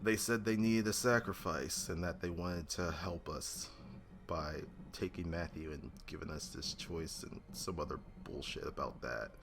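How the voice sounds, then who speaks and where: A man recapping a tabletop game session in a weary, halting, gravelly way. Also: low voice. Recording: music under the voice. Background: music.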